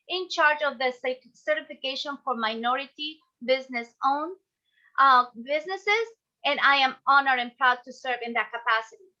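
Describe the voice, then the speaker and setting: A business coach with an Ecuadorian Spanish accent hosts a motivational online class, her voice bright and high. She presents over a video call, and the audio is dull and lo-fi.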